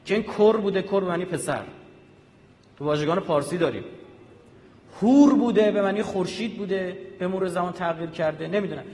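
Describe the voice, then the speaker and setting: A man giving an animated public lecture, often checking with his audience through quick rhetorical questions. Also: high-pitched. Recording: echoey hall with long reverb.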